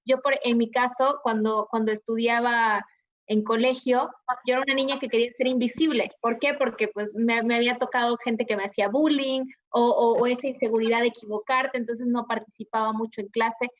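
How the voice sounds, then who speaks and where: A woman hosts a show in a high voice, effusive and warm toward her guest. The recording sounds dull and a bit lo-fi. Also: fairly even intonation, fairly quick. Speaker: host. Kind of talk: radio show hosting.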